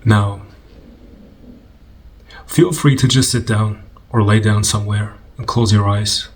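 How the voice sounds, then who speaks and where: Speaking in a lowish voice with fairly even intonation, a man leads an informal guided meditation. His delivery is unhurried and conversational, offering soft instructions punctuated by pauses.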